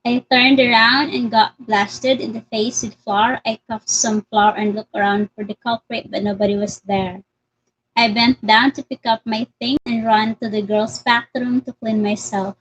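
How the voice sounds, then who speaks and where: A woman's voice: fairly high pitch, flat delivery, normal speed, a bit bright, highs cut off. A woman with a Filipino accent reading a story aloud, stopping for giggly side comments with many fillers and restarts. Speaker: story reader.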